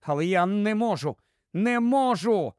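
A man's voice: sits high, lively intonation, moderate pace, dry recording, clean studio sound. A man doing a flustered teen wizard boy. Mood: panicked. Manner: flustered and fretful. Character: anxious clever teenage wizard boy.

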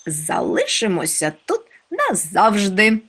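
A woman voicing a small, timid but excitable male storybook creature with an eager manner. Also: on the low side, slow pace, creaky, a little hiss or hum, exaggerated voice. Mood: gleeful.

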